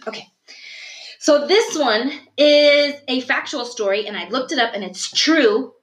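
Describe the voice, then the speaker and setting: A young woman co-hosting a podcast, telling a folk tale in a rambling, animated way and laughing often. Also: high-pitched, unhurried. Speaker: podcast co-host. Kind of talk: casual storytelling chat. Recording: echoey room.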